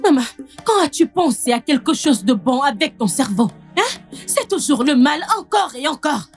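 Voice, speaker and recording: A spoiled young village daughter, defiant and mocking. Her high voice swings up and down a lot, and she presses every point insistently. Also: sing-song, moderate pace, creaky, soft background music, full character voice. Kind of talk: dubbed film acting.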